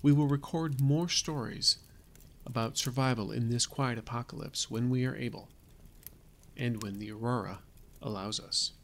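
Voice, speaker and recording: A man voicing a newspaper reporter who closes the story in a formal, measured, solemn manner. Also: medium pitch, steady tone, gravelly, fairly bright tone, a little hiss or hum. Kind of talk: scripted narration in audio drama.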